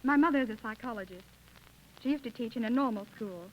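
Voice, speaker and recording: Her voice on the high side and her pace a little fast, an eighteen-year-old American guest answers an interviewer's questions. She is a contest winner on a scripted 1930s radio show, heard through a dull, hissy recording.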